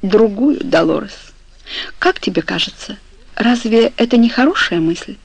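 A woman voicing an anxious, loving young wife who speaks hesitantly and eagerly, a little higher than her narration. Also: animated, measured pace, gravelly, husky, no echo, full character voice, low-quality recording.

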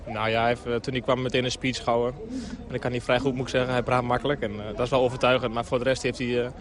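A man, a football player, answering questions at the pitch side in a casual, hesitant way. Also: flat delivery, very fast. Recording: outdoor interview with crowd behind.

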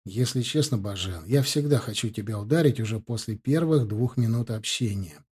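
Weary young man in an audiobook, read by a male narrator, low and hushed. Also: normal speed, husky.

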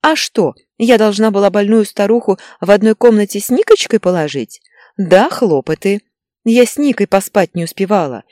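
A woman's voice: mid-range voice, expressive, normal speed, no room sound, studio quality, natural voice. A woman voicing a hysterical, tearful pregnant young wife who whines and snaps defensively. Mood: shrill, indignant. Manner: whiny and defensive, breaks into shouting.

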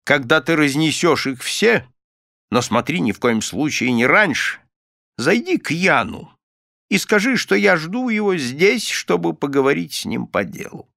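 A man voicing a grasping, bitter old male miser with a croaking voice, in an audiobook reading. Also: on the high side, big pitch swings, unhurried, pushed and bright, no echo, studio quality, voice pushed up, exaggerated voice. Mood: commanding.

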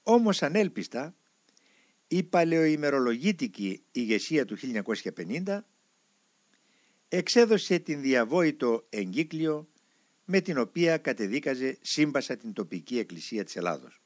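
A man reading a biography aloud as scripted narration, in a measured and expressive way. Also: mid-range voice, dry recording.

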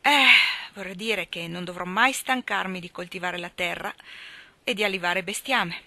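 A woman's voice: fairly low pitch, normal speed, sharp tone, dry recording. A woman reading aloud, voicing a kindly, hardworking farmer father in a hearty, emphatic manner.

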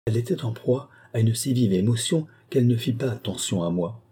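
A man reading a literary novel aloud as an audiobook narrator, in a measured, even storytelling manner. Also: medium pitch, breathy edge.

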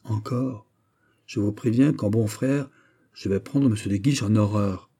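Man as a young king, low, mellow, husky, courteous, persuasive, audiobook. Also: a little slow. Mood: teasing. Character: young French king, gallant and coaxing. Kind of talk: audiobook character reading.

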